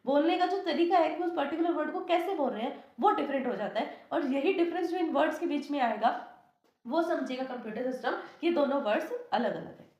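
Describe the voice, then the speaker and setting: A woman's voice: high-pitched, brisk, darkish tone, echoey room. A woman lecturing as a teacher with an Indian English accent, explaining step by step and asking and answering her own questions. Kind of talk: classroom lecture.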